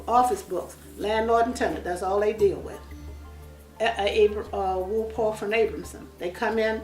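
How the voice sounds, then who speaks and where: Plain-spoken woman in an echoey room. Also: medium pitch. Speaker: small landlord being interviewed. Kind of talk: spoken first-person account of experience. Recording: echoey room, distant mic, music behind.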